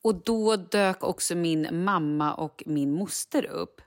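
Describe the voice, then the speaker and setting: A woman in her forties co-hosting a chat show, talking in an easygoing way about time spent with her son and laughing along. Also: on the low side. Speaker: podcast co-host. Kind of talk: casual chat.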